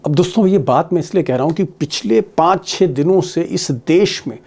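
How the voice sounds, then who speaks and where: Emphatic high-voiced male commentator. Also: normal speed, a little mellow. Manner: emphatic, rhetorical questions, repeats key phrases. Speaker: YouTube political commentator. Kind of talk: political commentary monologue.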